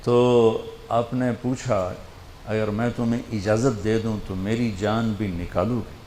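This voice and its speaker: A man delivers a sermon as heartfelt storytelling, rising to loud passages and dropping to near hushes. His voice sits low, and it echoes around a roomy space over a faint hiss of background noise. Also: fairly even intonation. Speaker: preacher.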